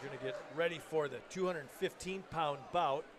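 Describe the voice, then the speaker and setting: A man giving excitable live commentary on a high school wrestling match, laughing between calls. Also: moderate pace. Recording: loud crowd and noise behind.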